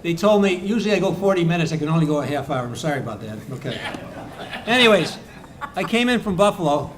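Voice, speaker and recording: A man telling stories and jokes at a tribute roast, with quick asides to the crowd. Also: a little high, lively intonation, a little hiss or hum. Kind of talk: stand-up style joke telling at a tribute. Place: bar event room.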